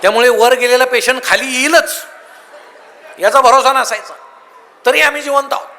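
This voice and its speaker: A man giving a humorous motivational speech, telling lively comic anecdotes to an audience. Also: very high-pitched, normal speed, slight background noise. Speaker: motivational speaker. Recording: long hall reverb.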